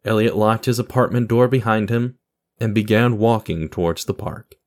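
With guitar music behind him, a man reads scripted dramatic story narration as a radio theatre narrator and announcer. His lowish voice keeps a steady tone at a moderate pace.

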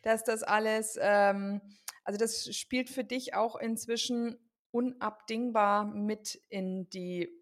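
A woman hosting a podcast, introducing and interviewing a guest in a friendly way, often pausing to find her words. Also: mid-range voice, steady tone. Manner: friendly and searching for words, with frequent pauses. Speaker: podcast host.

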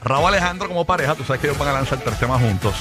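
A man's voice: mid-range voice, lively intonation, loud music behind the voice. A man hosting a radio show, chatting casually and joking with callers and co-hosts. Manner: playful, joking, quick to laugh. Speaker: radio host.

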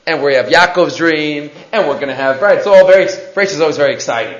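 A man with giving an animated religious lesson as a rabbi, emphatic, repeating phrases and answering his own questions. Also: on the high side, quick pace. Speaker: rabbi teaching a Torah class. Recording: echoey room, dull muffled sound.

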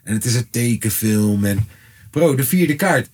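A man, a father, co-hosting a podcast in casual, slang-heavy chat that breaks into animated, high-pitched exclamations. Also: a little slow, breathy edge. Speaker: podcast co-host.

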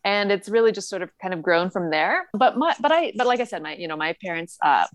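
A chatty woman in her forties from Northern California, talking as an interview guest. She is self-deprecating and laughs often, and her mid-pitched voice sits in a dry, dead space with no room sound. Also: lively intonation, quick pace, no echo. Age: 40s. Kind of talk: casual interview chat. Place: home with the lights off.

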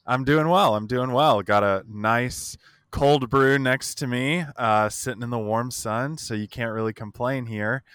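A man hosting a podcast, introducing the show and his guest in a relaxed, casual way. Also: medium pitch, measured pace, clear, resonant tone, dry recording, studio quality. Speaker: podcast host.

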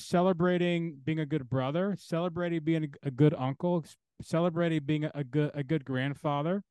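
Earnest man, higher voice, emphatic lists. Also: a little mellow, smooth, no echo. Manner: emphatic, builds points through repeated parallel phrases. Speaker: interview guest, theologian and professor. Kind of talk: earnest interview talk.

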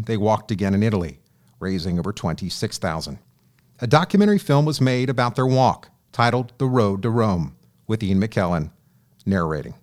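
A man hosts an interview show at a middle pitch. He reads a guest introduction, then asks his questions haltingly, often stumbling over and repeating words. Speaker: podcast host.

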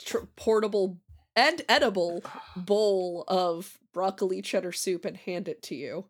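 A woman acts as game master in a casual tabletop session. She narrates scenes and banters with players in a medium-pitched voice. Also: unhurried.

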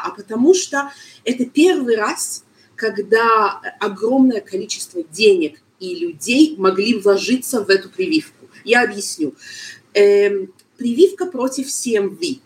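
Halting woman explaining. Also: on the high side, a little hiss or hum, rough recording. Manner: halting, searches for words, mixes in foreign terms. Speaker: medical expert guest being interviewed. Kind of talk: explanatory interview talk.

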